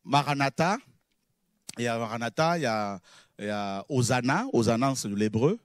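A man preaching in French, a pastor teaching who repeats key words and swings from loud exclamations to low murmurs. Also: expressive, moderate pace, no room sound, studio quality. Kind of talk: sermon teaching.

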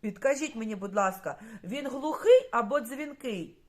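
A woman's voice: fairly high pitch, animated, moderate pace. A woman teaching a primary school lesson, speaking patiently and addressing the children directly.

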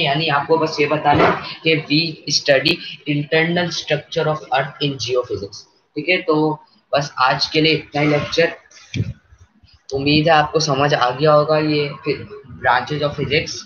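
A man's voice: a little high, pushed and bright. Male teacher, lo-fi lecture recording. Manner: repetitive, checks understanding with frequent "okay?". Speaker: physics teacher. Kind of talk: classroom lecture. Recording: dull lo-fi with faint background noise.

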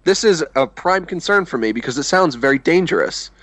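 A man's voice: fairly high pitch, lively intonation, brisk, fairly bright tone, no room sound. A man co-hosting an improvised comedy podcast, asking skeptical questions and laughing often as he plays along.

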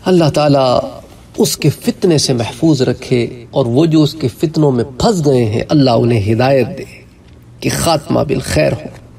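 A man with a Pakistani Urdu accent delivers an earnest religious lecture, pressing hard on his points. His voice is husky and a little breathy. He sounds set back from the microphone. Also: a little mellow, distant mic. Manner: earnest, emphatic preaching, rising in pitch when stressing points. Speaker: Islamic preacher.

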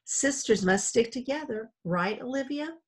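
A woman's voice: a little high, expressive, measured pace, voice pushed up. Woman doing a pushy, sugary aunt. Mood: pushy cheerful. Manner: sugary, overly sweet and commanding. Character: bossy cheerful adult aunt, pushy and sing-songy.

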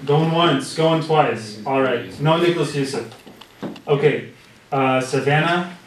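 A man's voice: fairly high pitch, a little slow, slight background noise, lightly acted. A man playing a dry, sarcastic teacher. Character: strict male teacher taking attendance, dry and sarcastic. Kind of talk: amateur comedy skit acting. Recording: roomy echo, distant mic.

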